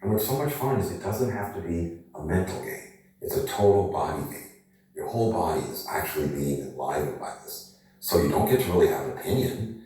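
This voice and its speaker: Lively man coaching exercises in an echoey room. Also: rumbling low, distant mic. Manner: lively, coaxing, rhetorical questions. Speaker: energy exercise instructor. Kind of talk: demonstrating physical exercises to camera.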